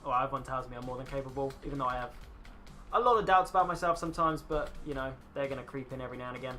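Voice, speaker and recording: A man in his twenties streams a game and rambles casually to viewers, talking to chat and swearing now and then. His mid-range voice is rapid-fire with a sharp tone, and soft music plays behind him.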